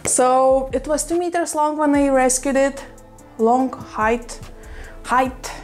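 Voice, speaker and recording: A woman with a strong Russian accent talking casually to the camera at home about her rescued houseplants, chatty and quick to laugh. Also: high-pitched, fairly even intonation, a little mellow, faint music behind. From Lithuania. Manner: chatty, laughs often, says "you know" a lot. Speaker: plant vlogger. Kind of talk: casual vlog chat. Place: home room with plants.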